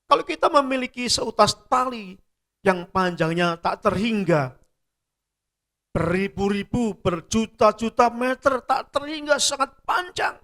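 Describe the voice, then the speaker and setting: A man's voice: high voice, expressive, measured pace, fairly bright tone. A middle-aged man preaching a sermon as a church pastor, telling stories and repeating phrases for emphasis. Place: church service.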